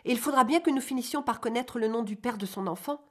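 A man reading an audiobook, voicing a gentle, patient young mistress of the house who speaks softly and coaxingly. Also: very high voice, fast, voice pushed up. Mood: firm. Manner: soft, coaxing, conciliatory. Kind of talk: audiobook character voice.

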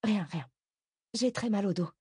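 A woman reading an audiobook voices an anxious, tearful mother who dodges questions, her voice pitched up and pleading. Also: unhurried, a little mellow, slightly rough, no room sound, studio quality. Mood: evasive.

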